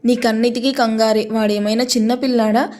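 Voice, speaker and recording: A woman voicing a calm, dismissive father. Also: a little high, brisk, lightly acted. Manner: reassuring, offhand.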